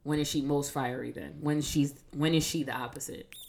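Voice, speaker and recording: A woman's voice: deep voice, fairly even intonation, moderate pace, vocal fry, darkish tone. A woman chatting casually and informally, asking questions and feeling out her phrasing as she goes.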